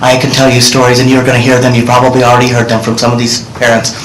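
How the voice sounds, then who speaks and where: Racing through his words in a monotone, a middle-aged man with a medium-pitched voice testifies directly and earnestly to senators. He speaks from a desk microphone in a large hearing room, and the roomy audio has a little hiss or hum.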